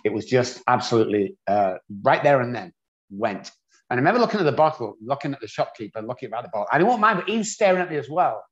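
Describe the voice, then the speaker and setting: A very animated, fast-talking man with a medium-pitched voice and an English accent shares his personal story in an interview. Candid and self-deprecating, he comes through on dull lo-fi audio from this storytelling session.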